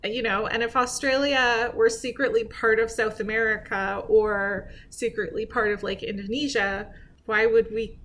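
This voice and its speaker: A woman's voice: a little high, flat delivery, moderate pace, a bit bright. A woman guest on a podcast, explaining things in a dry, matter-of-fact casual chat.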